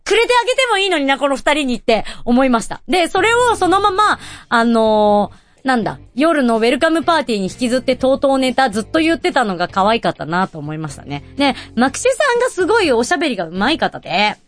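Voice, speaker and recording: A woman hosting a radio show, telling stories in a bubbly, chatty way and acting out quoted voices with high squeals. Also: sing-song, fast talker. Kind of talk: casual chatty storytelling.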